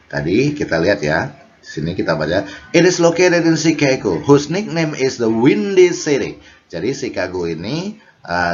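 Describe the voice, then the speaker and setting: A man's voice: lowish voice, dull audio. A man with an Indonesian accent, explaining English exam reading questions as a teacher, full of fillers and self-corrections.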